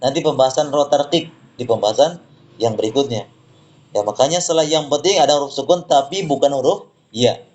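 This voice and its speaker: A man teaching tajwid, explaining slowly, repeating words and reciting examples for students to echo. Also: medium pitch, a little mellow, muffled recording.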